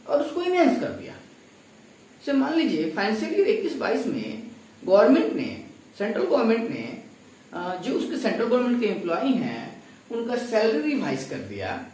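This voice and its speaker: A man's voice: very high voice, a little mellow. A man teaching a class, explaining step by step and putting questions to his students. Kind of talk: classroom lecture. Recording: echoey room from far off.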